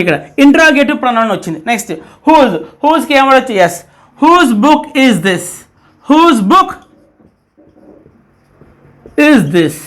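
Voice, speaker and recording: A teacher giving a spoken grammar lesson who repeats key points, asks rhetorical questions and dictates example sentences slowly. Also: sits high.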